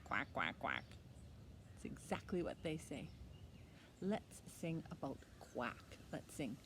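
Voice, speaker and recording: Deep-voiced and slow, this woman runs a children's library storytime, teaching young kids through a sing-song delivery, simple questions, and key words said again and again. The recording is clear despite a steady background noise.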